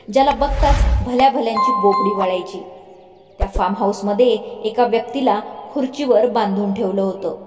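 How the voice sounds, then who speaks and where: A woman reads a romance audiobook aloud in a steady, expressive way. Her voice is mellow and rounded, with long room reverb. Faint music plays underneath. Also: on the high side. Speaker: narrator. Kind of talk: scripted audiobook narration.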